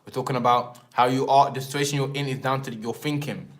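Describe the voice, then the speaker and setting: A man's voice: medium pitch, steady tone, quick pace. A young Englishman with an English accent hosting a casual live stream, rambling in slang and tagging his sentences with filler words. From England. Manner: rambling, slangy, repeats filler tags like "man" and "and that".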